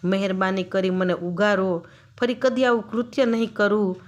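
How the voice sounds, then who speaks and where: A woman's voice: mid-range voice, fairly even intonation, normal speed, lightly acted. Woman doing a pleading starving village lad. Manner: pleading and begging. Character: desperate starving village young man, pleading.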